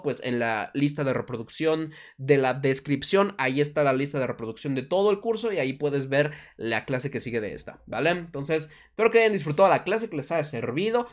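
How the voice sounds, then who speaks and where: A man with a slightly high-pitched voice teaches English grammar to Spanish speakers, explaining step by step. He keeps checking that the viewer is following and slows down to repeat the English example sentences. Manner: explains patiently, checks in with "¿vale?" and "¿ok?". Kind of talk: online grammar lesson.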